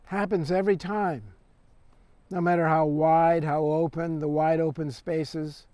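A man's voice: on the high side, level tone, a little slow, warm tone, smooth, dry recording, natural voice. A man poet reading a poem in the voice of a restless replicant, wry and conversational as if prying into a listener. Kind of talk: poetry reading.

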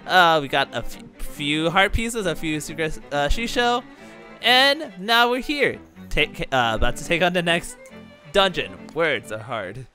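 Excitable late-night gamer over game music. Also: mid-range voice, unhurried. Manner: excitable, with sudden loud reactions and frequent stumbles over words. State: tired and yawning late at night. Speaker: let's play host. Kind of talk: casual gameplay commentary. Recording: game music playing underneath.

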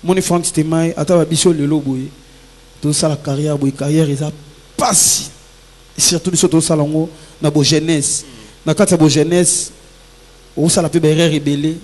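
A man's voice: fairly high pitch, fairly even intonation, normal speed, pauses often, a little mellow. A man who is a musician guest, talking earnestly and reflectively in a casual interview, giving advice. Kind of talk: casual interview talk mixing Lingala and French. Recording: long hall reverb with faint music.

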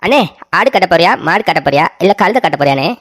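A woman's voice: on the low side, expressive, fast talker. A woman doing a whiny, tearful younger brother. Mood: teasing. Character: naive, emotional younger brother, young man. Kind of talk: cartoon story voice acting.

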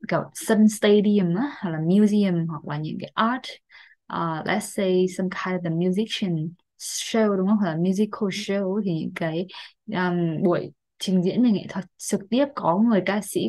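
A woman's voice: mid-range voice, darkish tone. Young woman, Vietnamese accent, vocabulary tutor, chatty explainer who keeps checking in. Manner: checks in often with rhetorical tag questions. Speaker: English vocabulary teacher.

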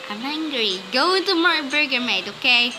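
A woman giving casual commentary while playing a card game, excitable and bursting into squeals and complaints. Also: high voice, moderate pace, poor audio. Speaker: gaming video host. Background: game music.

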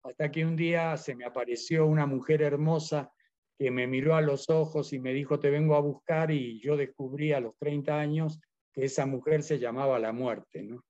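Man in his seventies, fairly high voice, muffled lo-fi sound, halting with fillers. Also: steady tone, a little mellow. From Argentina. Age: 70s. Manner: hesitant, many fillers and restarts. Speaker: interview guest, Biodanza teacher. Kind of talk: casual interview.

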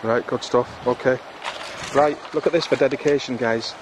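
A middle-aged man chatting excitably to his viewers while magnet fishing outdoors in a river, filmed on a camera. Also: mid-range voice, normal speed, background noise. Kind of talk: casual outdoor commentary. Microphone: camera on a tripod or handheld.

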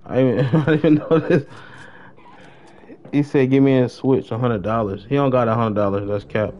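A young American man streams live, chatting casually at a moderate pace in a mid-range voice, using heavy slang and often repeating himself. The game stream audio is dull and noisy.

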